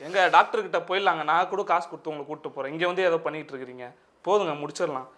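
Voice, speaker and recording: A man's voice: a little high, very fast, pushed and bright. A man interviewing a guest, mocking and scolding him in a confrontational way.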